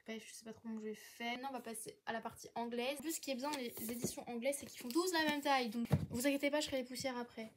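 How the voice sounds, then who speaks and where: A woman's voice: a little high, fairly even intonation, racing, background noise. A young woman, chatting casually to viewers while sorting her bookshelves. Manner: chatty, rambling, talks to viewers while working. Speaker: book vlogger. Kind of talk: casual chat while tidying shelves.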